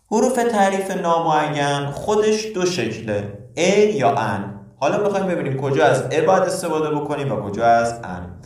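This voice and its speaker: Echoey man teaching grammar. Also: mid-range voice. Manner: explains step by step with questions to the learner. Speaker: English teacher. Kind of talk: grammar lesson. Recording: very echoey room, distant mic.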